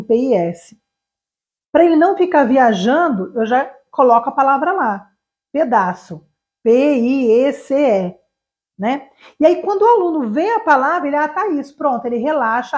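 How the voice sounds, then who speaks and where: Animated Brazilian woman teaching English. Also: sits high. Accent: Brazilian Portuguese. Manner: animated, explains with examples and rhetorical questions. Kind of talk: live online lesson.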